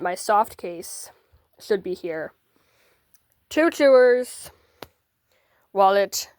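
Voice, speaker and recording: A woman's voice: a little high, no room sound. Chatty congested teenage girl vlogging. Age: teens. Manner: chatty, bubbly, self-deprecating asides. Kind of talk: casual packing vlog.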